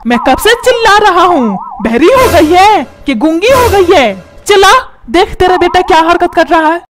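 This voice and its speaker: एक महिला कार्टून में चिड़चिड़े, चिल्लाने वाले अधेड़ पिता की आवाज़ दे रही है, जो डांटता है और ताने मारता है।. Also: female voice, very high-pitched, expressive, normal speed. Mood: scolding. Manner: shouts and scolds, calls names. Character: grumpy shouting cartoon father, middle-aged man. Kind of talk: comedy cartoon dubbing.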